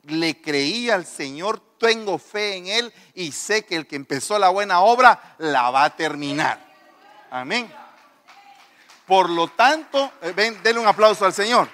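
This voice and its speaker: A man preaching a sermon, emphatic and repetitive, swinging from quiet to loud. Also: high voice, expressive, measured pace. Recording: long reverb of a large hall.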